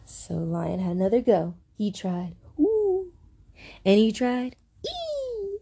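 A young woman reading a picture book aloud to a small child, playful and expressive. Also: mid-range voice, measured pace, vocal fry, breathy edge. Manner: animated, playful, expressive storytelling.

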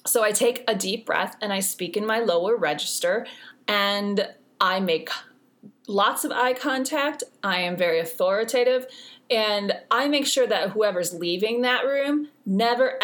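A woman's voice: mid-range voice, a little slow, a bit bright. A woman in her forties hosting a podcast, giving casual advice in a chatty way with dry humor and lots of fillers. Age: 40s. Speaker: podcast host.

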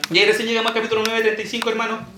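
A pastor preaching a sermon, telling a story and asking the congregation rhetorical questions. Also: male voice, high voice, completely flat delivery, very fast, echoey room, a crowd in the background.

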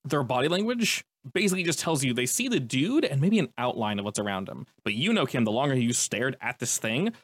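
Fast-talking man running a tabletop game. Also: mid-range voice, a bit bright, no room sound. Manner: conversational, descriptive, explanatory. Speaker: game master. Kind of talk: improvised tabletop game narration.

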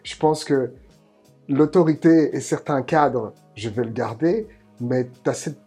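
A man's voice: medium pitch, takes it slowly, dark tone, slightly rough, soft background music. A man sharing his thoughts in a podcast talk, earnest and reflective, often restarting and repeating words. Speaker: podcast co-host.

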